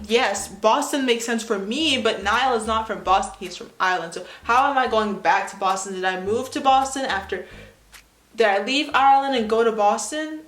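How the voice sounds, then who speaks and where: A woman's voice: on the high side, fairly bright tone, roomy sound, rough recording. A woman of nineteen reading her old story aloud and breaking off for sarcastic, self-mocking comments. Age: young adult. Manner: sarcastic, self-mocking asides between read passages.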